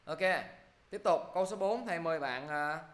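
A man teaching an online English class, brisk and scolding as he quizzes students. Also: a little high.

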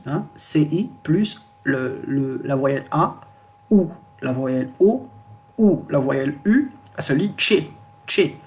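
A man teaching a pronunciation lesson in French, explaining slowly with many fillers and repetitions. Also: fairly high pitch, creaky, darkish tone. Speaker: language teacher.

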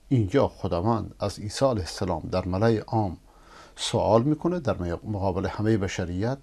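A man's voice: fairly low pitch, breathy edge. A man hosting a religious TV program, reading viewers' messages and preaching emphatically. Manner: emphatic, rising to forceful denunciation. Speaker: preacher and TV host. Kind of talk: religious TV talk answering viewers.

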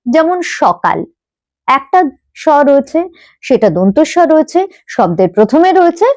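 A woman's voice: high voice, big pitch swings, measured pace, a little mellow, no room sound, clean studio sound. A woman teaching pronunciation in a spoken lesson, asking questions and stressing words as she explains.

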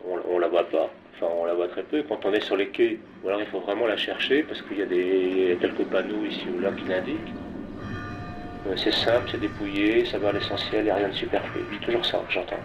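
A man's voice: low voice, fairly even intonation, brisk, dull audio. A man giving spontaneous comments as an interviewee, hesitant, with many fillers and restarts. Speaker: interviewee speaking about a chapel. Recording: noisy background ambience.

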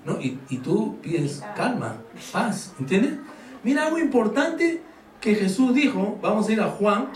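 A male pastor preaching a sermon to his congregation, animated and joking, firing rhetorical questions at them. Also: high voice, unhurried. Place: church hall. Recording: echoey hall, voice from far off.

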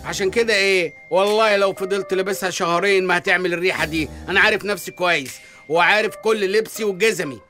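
A man with an Egyptian Arabic accent playing a jealous, excitable young husband in a comic radio drama, indignant and quick. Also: high voice, over music, lightly acted. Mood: suspicious. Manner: indignant, rapid complaints.

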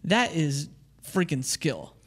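A man with a noticeably high voice joins a relaxed podcast conversation. He mostly cuts in with short, wry jokes. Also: slow pace, breathy edge. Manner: short joking interjections. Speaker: podcast co-host. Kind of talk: casual chat.

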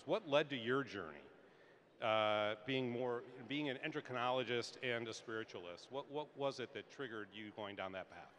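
A man asks questions from his notes, now and then tripping over a word. His pitch is ordinary for a man. The big hall around him adds a long reverb. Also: a bit bright. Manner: reads from notes, stumbles over words. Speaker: panel moderator. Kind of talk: moderating a panel. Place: large event hall.

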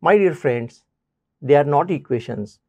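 A male math teacher explains a lesson to his students. He repeats each point and speaks to them directly, with an animated pitch that swings up and down. The recording is dry and close. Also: unhurried, dry recording, dull audio.

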